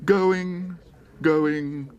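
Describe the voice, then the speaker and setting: A man voicing a brisk male auctioneer who calls out the bids, in a storybook reading. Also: a little high, fairly even intonation, muffled recording, background noise, pitched above the performer's own voice. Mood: calling. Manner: calling out, projecting.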